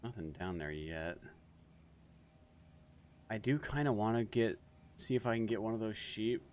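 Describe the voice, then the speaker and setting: A deep-voiced man thinking aloud while he streams a survival game. He talks casually, often stopping to correct himself. A faint hiss of noise sits under his voice. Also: unhurried, a little mellow. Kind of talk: casual gameplay commentary.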